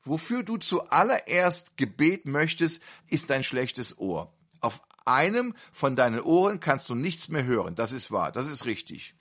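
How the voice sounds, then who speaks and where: A man's voice: medium pitch, big pitch swings, a little slow, fairly bright tone. A man preaching at a healing service, fervent and repeatedly asking the congregation whether they believe.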